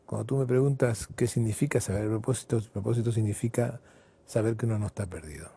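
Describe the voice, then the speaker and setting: A man from Argentina, a therapist and writer telling stories in an interview with emphatic pauses. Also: lowish voice, creaky, breathy edge. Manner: expressive storyteller, emphatic pauses. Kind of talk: storytelling in an interview.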